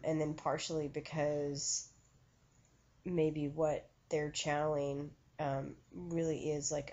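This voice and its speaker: A woman's voice: low voice, a little mellow. A woman medium talking through a channeling session, chatty and self-conscious, full of fillers and restarts. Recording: dull lo-fi recording.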